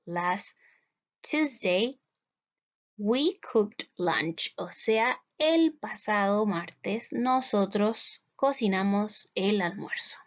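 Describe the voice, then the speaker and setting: A woman teacher with a Chilean Spanish accent patiently explaining English grammar to her students, checking in with them again and again and saying English words slowly. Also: mid-range voice, animated. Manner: patient, repeats "¿cierto?" to check understanding. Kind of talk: classroom lesson explaining grammar. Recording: dull lo-fi sound.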